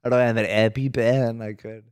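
A young man co-hosting a podcast, chatting casually in a halting, slangy way. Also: medium pitch, little pitch movement, a little mellow, smooth, dry recording, clean studio sound. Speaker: podcast co-host. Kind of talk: casual chat.

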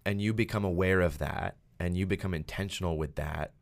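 A man with a deep voice that often drops into fry talks in an easy, rambling way as a podcast host. He leans on fillers and raises his voice to act out quotes. The tone is casual conversation about faith. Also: a little fast. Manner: relaxed, many fillers, acts out quotes in a raised voice.

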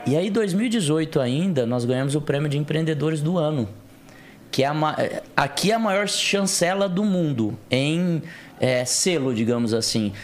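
A man explaining business matters in a measured way on a casual podcast. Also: on the high side, expressive, a little hiss or hum. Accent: Brazilian Portuguese. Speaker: guest, co-founder.

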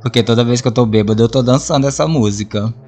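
A man hosting a podcast, chatting casually about his favorite songs as a lively storyteller who acts out his own reactions and swears casually. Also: medium pitch, quick pace. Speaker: podcast host.

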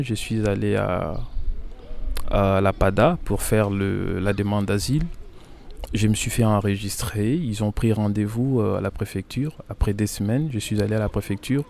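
A man's voice: fairly low pitch, vocal fry, darkish tone, slight background noise. A young man from Congo telling his story in a radio interview, hesitant with many fillers and repeated words. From Congo (Kinshasa). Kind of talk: radio interview, personal testimony.

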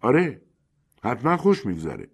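A man's voice: medium pitch, huge pitch swings, breathy edge, pitched above the performer's own voice, exaggerated voice. A man voicing a sly shopkeeper with a wry, knowing manner. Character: sly shopkeeper telling a tall tale.

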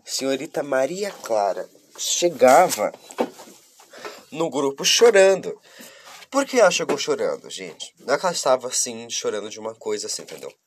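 Guy w rambling to his viewers, nose all blocked up from a cold, mid-pitched voice. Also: sing-song, normal speed, slight background noise. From Curitiba, southern Brazil. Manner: rambling, talks straight to viewers. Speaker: vlogger. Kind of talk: casual confessional monologue.

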